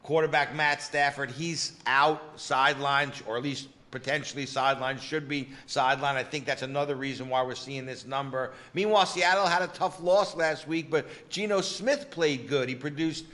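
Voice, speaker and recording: A man's voice: medium pitch, moderate pace, hardly any pauses, bright, forceful tone. A man co-hosting a sports betting chat, confident, with lots of "you know" fillers and punchy catchphrases. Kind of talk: casual betting-picks chat.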